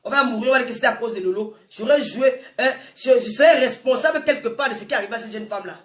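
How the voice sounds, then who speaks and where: A social media personality in her forties, a woman with a Francophone African accent and a fairly high, fast voice, delivers an impassioned, informal monologue to viewers. She scolds emphatically and repeats phrases for effect, recorded on a distant mic in an echoey room.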